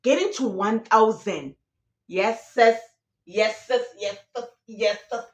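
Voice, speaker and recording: Speaking slowly in a fairly high voice, this young adult woman from South Africa delivers a passionate, slang-laced rant as casual YouTube commentary. She's recorded by herself in a room that gives a roomy quality.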